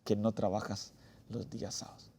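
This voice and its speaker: A man voicing his gentle, affectionate mother within a sermon story. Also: on the low side, little pitch movement, normal speed, breathy edge, voice pushed down. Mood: tender. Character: caring older mother, gentle.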